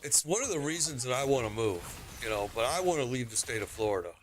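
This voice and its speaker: A man's voice: medium pitch, very animated, fast talker, slight background noise. A middle-aged American man, a streamer, ranting in casual chat about his neighbors and rules, mimicking what others said. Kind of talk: casual rant while gaming.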